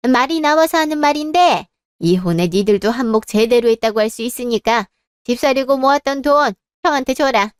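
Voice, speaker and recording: A woman's voice: on the high side, a little fast, clear, resonant tone, no room sound, studio quality, close to an everyday voice. A woman voicing a domineering older mother-in-law who reproaches and makes demands. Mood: reproachful. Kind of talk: dramatized story reading.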